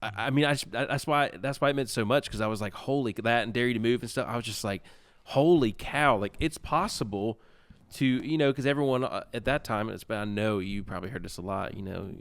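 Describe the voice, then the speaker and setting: A man co-hosting a casual podcast, telling stories in a rambling, animated way. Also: fairly low pitch, quick pace, smooth, dry recording. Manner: rambling, animated storyteller, restarts often. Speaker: podcast co-host. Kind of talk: casual chat.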